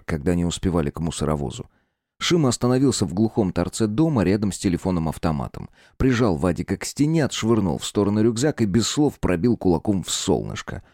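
A man giving a measured, expressive scripted narration of a horror story as an audiobook reader. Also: low voice, no room sound, studio quality.

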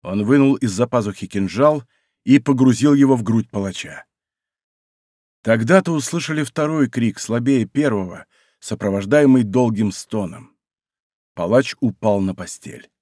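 A man narrating an audiobook in a measured storytelling manner. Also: medium pitch, warm tone, no room sound, studio quality. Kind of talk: expressive audiobook reading.

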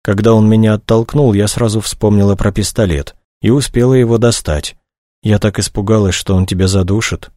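A man reading the lines of a shaken young woman, softly and gently. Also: on the low side, fairly even intonation, fairly quick, no echo, studio quality, natural voice. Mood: explaining. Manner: soft, gentle, quiet.

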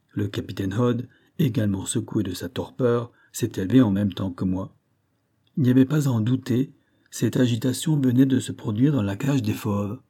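A man narrating a classic adventure novel as an audiobook in a measured, steady way. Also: medium pitch, slightly rough.

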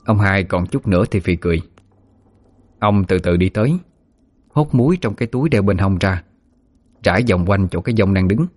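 A man's voice: low-pitched, animated, moderate pace, long pauses, a little mellow, no echo. A man narrating a ghost story vividly.

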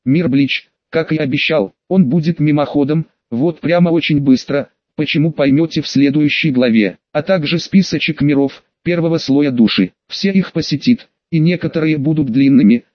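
A man with a somewhat high voice narrates an audiobook in an even, steady manner. The recording is dry and a little dull, with no room sound. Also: no room sound. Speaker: audiobook reader.

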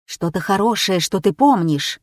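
A woman's voice: medium pitch, animated, normal speed, no echo, clean studio sound, lightly acted. A woman voicing an urgent, cheeky male helper spirit in an audiobook. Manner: urgent, pleading. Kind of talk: audiobook character voice.

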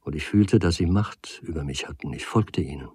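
A man reading a literary novel aloud in a measured way that grows animated in vivid passages. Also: sits low, slightly rough, dry recording. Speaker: audiobook reader.

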